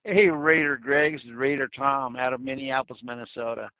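A man's voice: mid-range voice, brisk. A man from Southern California, a caller to a fan radio show, talking bluntly and with animation over a phone line. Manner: blunt, animated, swings loud and soft. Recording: tinny dry phone line.

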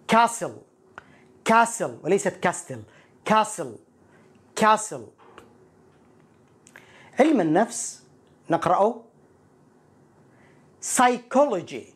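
امرأة بصوت أجش تدرّس نطق الإنجليزية. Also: female voice, on the low side, slightly rough. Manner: repeats each word slowly for learners to copy. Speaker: English teacher. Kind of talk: pronunciation lesson with repetition drills.

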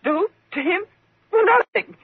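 In a muffled, tinny 1950s radio thriller, an actress plays a nervous, fearful woman trapped with a menacing man. Terrified, she delivers her lines haltingly and agitatedly with breathy gasps, her very high voice expressive, a little slow, and without echo.

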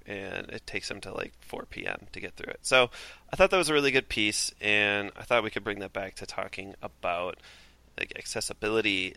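Minnesotan man, casual podcast talker, low but bright tone, self-deprecating. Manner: rambling, laughs often, self-deprecating.

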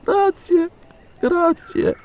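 Guy doing a weak dying old priest, thin high voice, slow and breathless, audiobook. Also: darkish tone, heavily acted. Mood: feeble. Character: dying elderly male missionary priest, frail.

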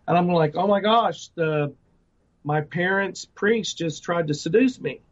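The audio is dull and lo-fi. A guest ministry director, a middle-aged man, shares his testimony in an interview with earnest sincerity, his speech full of fillers and false starts. He speaks a little slowly, in a voice on the high side.

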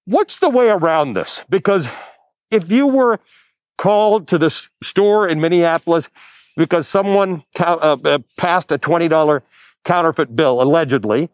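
Male news anchor, slightly high voice, dry close sound, emphatic commentary delivery. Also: lively intonation, moderate pace, no echo. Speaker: news host. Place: outdoors near a courthouse.

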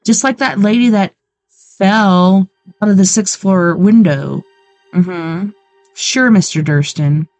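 A woman's voice: medium pitch, takes it slowly, darkish tone, dry recording, faint music behind. A woman hosting a late-night show, reading a true-crime book aloud and breaking off into blunt, sarcastic asides with swearing. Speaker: weekend show host.

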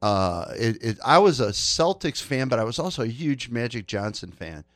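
A man's voice: mid-range voice, sing-song, moderate pace, dry recording, studio quality. A man hosting a sports radio show with casual, conversational chat. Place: radio studio.

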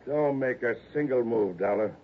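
A man's voice: mid-range voice, lively intonation, normal speed, close to an everyday voice. A male actor playing a smug, calculating gunman villain in a 1950s radio drama. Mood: smug, menacing. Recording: muffled, faintly noisy old radio recording.

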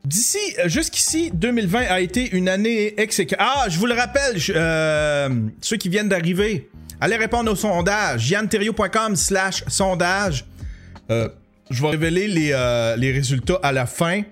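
A man's voice: high voice, normal speed, a bit bright, soft background music. A man with a Québécois French accent hosting an online show, ranting with profanity and heavy sarcasm. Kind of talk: sarcastic live-stream commentary.

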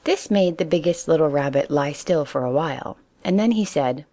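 A woman reads a children's story aloud in a calm, steady voice. Her pitch sits on the low side, and her delivery stays even and unhurried. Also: dry recording. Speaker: narrator. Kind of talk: storybook narration.

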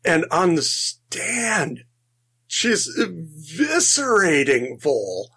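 A man with a husky, slightly raised voice talks through a film in a casual podcast chat. He speaks slowly and unhurriedly, often breaks into laughter, and restarts his phrases as he gathers his thoughts. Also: on the high side, big pitch swings, sharp tone. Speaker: podcast co-host.

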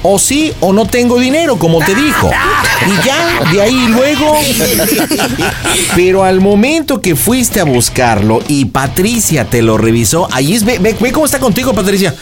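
Animated Mexican radio prank host. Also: male voice, high-pitched, normal speed, loud music behind the voice. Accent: Mexican Spanish. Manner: animated, laughing, slangy. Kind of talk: lively radio prank call coaching.

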